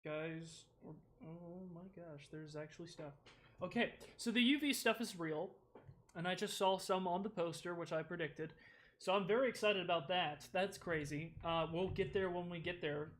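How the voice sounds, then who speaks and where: A man streaming live, chatting excitedly with viewers and reading a booklet aloud in a rambling, eager way. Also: high-pitched, normal speed. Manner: excitable, rambling, talks to chat.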